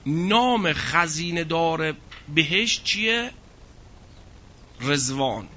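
Bright-voiced man giving a religious lecture. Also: on the high side, expressive. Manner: recites verses slowly, explains with rhetorical questions. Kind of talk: Quran exegesis lecture. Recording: dull lo-fi recording.

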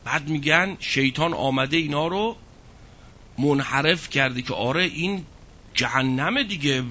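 Guy lecturing on scripture, fairly high bright voice, slow recited verses then quick questions, dull lo-fi sound. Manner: recites verses slowly, explains with rhetorical questions. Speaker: religious lecturer. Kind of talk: Quran exegesis lecture. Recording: dull lo-fi recording.

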